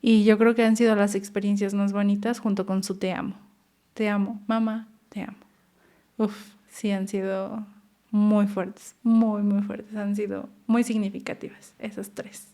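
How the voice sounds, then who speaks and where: A woman's voice: mid-range voice, little pitch movement, normal speed, dark tone. Earnest young Mexican mother telling stories. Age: young adult. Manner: earnest, repeats words for emphasis, acts out quotes. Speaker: guest, mother. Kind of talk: emotional personal storytelling.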